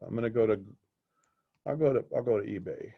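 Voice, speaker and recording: A man's voice: lowish voice, a little fast, gravelly, breathy edge. A man teaching a live technical class in a casual way, often checking that his students are following. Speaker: instructor. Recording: dull lo-fi recording.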